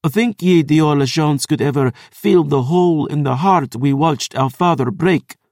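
A man's voice: on the high side, normal speed, darkish tone, no echo, studio quality, pitched above the performer's own voice, lightly acted. A man voicing an ancient, cruel female vampire who taunts in archaic, contemptuous speech. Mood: taunting.

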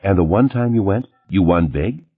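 A man reading an audiobook, voicing a sharp, image-conscious ex-wife who scolds in a clipped, indignant way. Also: low-pitched, expressive, moderate pace, slightly rough, narrow, tinny audio, full character voice. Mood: furious.

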